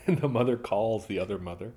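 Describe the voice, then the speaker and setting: A man's voice: fairly low pitch, fairly quick. A man from San Francisco chatting casually as a podcast co-host, telling stories with lots of laughter and acted-out quotes. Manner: animated storyteller, laughs often, acts out quotes. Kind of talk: casual chat.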